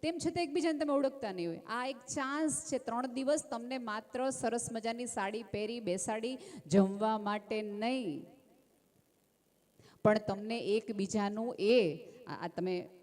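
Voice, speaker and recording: A woman giving a gentle, calm inspirational talk from a stage, telling stories and calling her listeners friends. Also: on the high side, a little slow. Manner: intimate, addresses listeners as friend. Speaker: speaker at a community religious festival. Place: stage at a large festival gathering. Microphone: stage microphone with PA. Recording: long reverb of a large venue.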